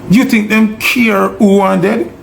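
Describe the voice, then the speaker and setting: A Jamaican man with a gravelly, fry-laden voice sitting a little high for a man. He rants in an emphatic, preachy monologue and keeps hammering his listeners with rhetorical questions. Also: steady tone, slow, a little hiss or hum. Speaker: online commentator. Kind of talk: ranting monologue.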